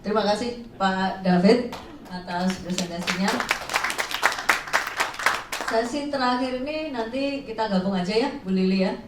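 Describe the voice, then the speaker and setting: A woman's voice: medium pitch, unhurried, long pauses, a loud crowd. A woman moderating a webinar, thanking one speaker and handing over to the next. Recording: roomy, distant, noisy call audio.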